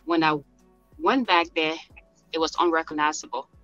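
A Liberian woman who volunteers as a nurse earnestly and emotionally recalls returning home during a video call interview. Her voice is low-pitched, steady, and a bit bright, at normal speed, with no echo and soft music in the background. The call audio sounds dull and lo-fi.

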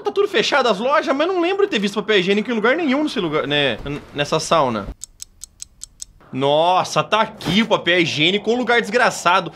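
A Brazilian man giving excitable, slangy let's play commentary as a gaming youtuber. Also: high voice, a little hiss or hum. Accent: Brazilian Portuguese.

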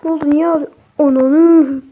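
Casting: young woman gaming streamer, high voice, excitable, chatty, slightly muffled mic. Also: normal speed, slight background noise. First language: Turkish. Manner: excitable, talks to viewers, swears at the game. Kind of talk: casual horror game commentary.

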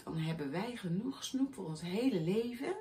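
A woman's voice: medium pitch, expressive, moderate pace, mellow, lightly acted. Woman putting on a scornful, greedy grump of a teacher. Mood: scheming. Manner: boastful and scornful. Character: grumpy greedy male schoolteacher who hates children.

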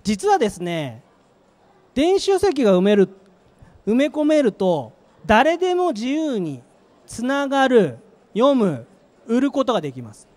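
A middle-aged company manager speaks into a handheld mic on an exhibition stage, giving a live trade-show product presentation with slides in short, emphatic phrases. His voice is very high and darkish, with huge pitch swings, a slightly slow pace and long pauses.

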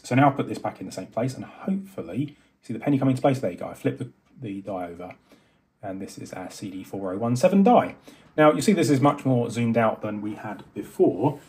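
Fairly low and mellow, this man's voice narrates a hands-on electronics demo he's hosting from his indoor desk, which holds a microscope and monitor. He reasons aloud as he goes, peppering in fillers and fixing his own words.

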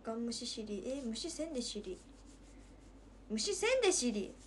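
A woman's voice: fairly high pitch, lively intonation, normal speed, slight background noise. A woman in her twenties from Nagasaki with a Nagasaki accent, chatting playfully and giggling with viewers on a livestream from her room at home. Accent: Nagasaki dialect. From Nagasaki, Japan. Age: 20s. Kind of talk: casual chat with viewers.

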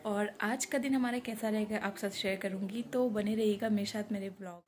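A young woman vlogging casually from her family home, often narrating in a hushed near-whisper. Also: fairly even intonation, fairly quick, slight background noise. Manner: high sing-song baby talk to her son.

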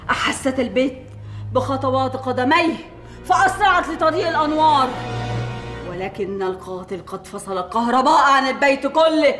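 An actress playing a sharp-tongued Egyptian mother who loves telling spooky stories in a theatrical voice. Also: high-pitched. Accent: Egyptian Arabic. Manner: theatrical spooky narration, snapping orders. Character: bossy dramatic storytelling mother, sharp-tongued. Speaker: mother telling a scary story. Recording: music score behind her.

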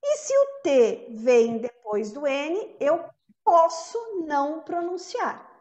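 A woman teaching an English pronunciation lesson, patiently saying each word slowly and more than once to model the sounds. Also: sits high, sing-song, darkish tone. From Brazil.

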